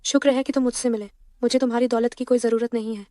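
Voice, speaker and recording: A woman's voice: fairly high pitch, steady tone, quick pace, no room sound, clean studio sound, lightly acted. A woman dubbing a cheerful, talkative young woman who poses as a girlfriend. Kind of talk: dubbed drama acting. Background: soft background music.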